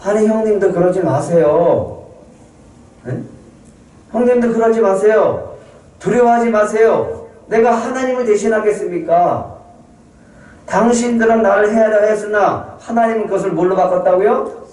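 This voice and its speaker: A man acting out a gentle brother who earnestly reassures his frightened siblings. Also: high voice, normal speed, pauses often, pitched above the performer's own voice, lightly acted. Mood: pleading reassurance. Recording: roomy hall from a distance.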